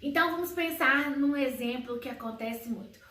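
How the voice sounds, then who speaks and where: A woman homeschooling educator explaining to parents, slowly posing questions and answering them herself. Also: pushed and bright. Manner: sings baby words in a high sing-song voice. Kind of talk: educational video talk to parents. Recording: roomy echo, slightly far from mic.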